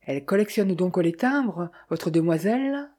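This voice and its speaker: A woman's voice: fairly low pitch, animated, a little slow, dark tone. A woman voicing a mocking Italian motorist. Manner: teasing, probing, slightly ironic. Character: mocking sharp-eyed Italian male motorist.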